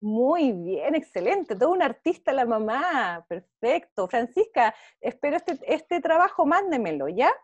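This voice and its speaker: A woman teacher with a Chilean Spanish accent, leading young children through an online art class over a video call. Her voice sits high and swoops up and down as she encourages them, with a dry, close sound and no room echo. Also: sing-song, unhurried, few pauses, a little mellow, dull audio. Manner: encouraging, checks in often with "¿ya?". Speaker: visual arts teacher.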